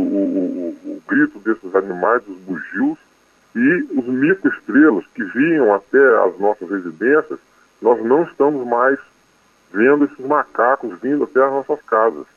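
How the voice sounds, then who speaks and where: An anonymous radio listener, voice disguised with a voice changer, talking haltingly and repeating words. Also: mid-range voice, dry recording. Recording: tinny phone line from far off.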